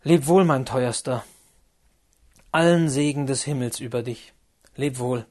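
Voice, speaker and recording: A man narrating a classic novel as an audiobook, measured and solemn. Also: medium pitch, darkish tone.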